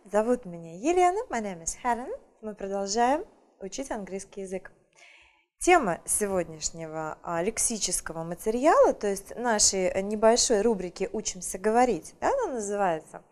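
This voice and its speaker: A woman's voice: medium pitch, animated, moderate pace, a little mellow. A woman teaching young children English. She is patient, often checks that they follow, and draws out her words to model pronunciation carefully. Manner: patient, frequently asks "да?" to check understanding.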